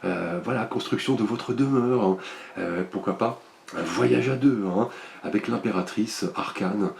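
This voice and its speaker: A man giving a monthly tarot and astrology card reading, speaking gently with many fillers. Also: fairly low pitch, a little slow, gravelly. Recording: roomy echo.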